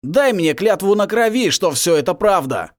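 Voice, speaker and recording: A man's voice: sits high, big pitch swings, normal speed, no room sound, clean studio sound, voice pushed up. A man voicing a spiteful, scornful male enemy leader with a sneering delivery. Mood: demanding.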